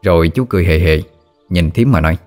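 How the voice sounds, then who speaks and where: A man narrating a ghost story in a calm, measured way. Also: sits low, faint music behind.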